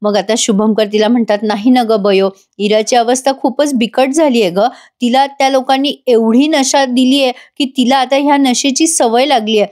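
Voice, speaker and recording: Lively woman narrating a serial recap. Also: on the high side, normal speed, few pauses. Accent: Marathi. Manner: lively, shifts into the characters' lines with mild emotion; chatty asides straight to the viewers. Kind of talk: storytelling recap, voicing every character herself.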